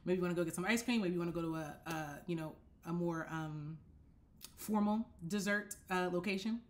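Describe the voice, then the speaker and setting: A young woman hosting a casual dating-advice talk from her apartment, speaking straight to the camera, animated and direct, often checking that listeners follow. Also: on the low side, a little fast. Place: apartment living room, indoors.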